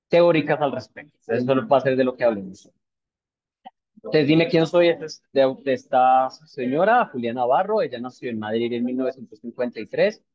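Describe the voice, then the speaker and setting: A man's voice: mid-range voice, no room sound. A man presenting a novel to a book club in a thoughtful, hesitant way, with many fillers and tag questions. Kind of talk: informal book discussion talk. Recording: dull lo-fi sound.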